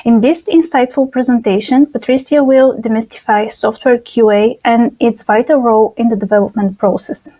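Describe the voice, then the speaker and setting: A woman's voice: on the high side, fairly even intonation, normal speed, few pauses, mellow, low-quality recording. A woman hosting an online conference, reading formal introductions of the speakers. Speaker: conference host. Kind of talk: event moderation.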